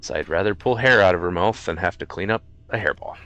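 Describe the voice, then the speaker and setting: A man's voice: deep voice, quick pace, bright, forceful tone, highs cut off, slight background noise. A man streaming a game live, chatting casually in an easygoing, rambling way and chuckling often.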